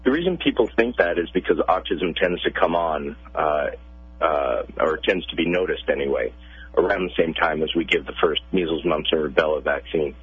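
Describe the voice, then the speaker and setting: A man with a deep, husky voice speaks over a thin, tinny phone line. He is a pediatrician answering questions on a radio interview, calm and measured as he explains. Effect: heard over a phone line.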